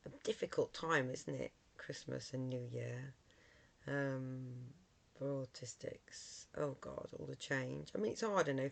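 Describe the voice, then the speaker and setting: Speaking at medium pitch, this middle-aged vlogger sounds hoarse because of a cold. His casual talk to camera keeps stalling with ums and fresh starts.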